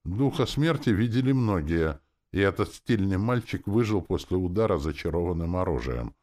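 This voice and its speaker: A man's voice: low voice, expressive, darkish tone, voice pushed up. A man voicing a composed middle-aged woman teacher, stern but kind, in an audiobook reading. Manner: composed, measured.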